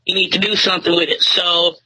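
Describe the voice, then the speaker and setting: On poor audio, a young woman speaks quickly in a fairly low, flat-sounding voice that is pushed and bright. The Tyler, Texas native, a radio host herself, is interviewed in an informal chat and keeps it slangy and laid-back, filling gaps with fillers.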